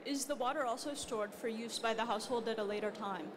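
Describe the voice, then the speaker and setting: Woman, slightly high voice, formal precise questions, noticeably noisy event recording. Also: quick pace. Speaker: pitch competition questioner. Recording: clear background noise in event room.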